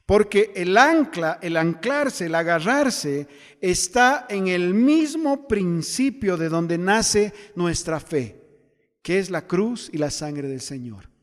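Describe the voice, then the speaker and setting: High-voiced man preaching in a reverberant hall. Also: lively intonation, takes it slowly. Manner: preaching with repeated rhetorical questions to the congregation. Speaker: pastor. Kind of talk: sermon.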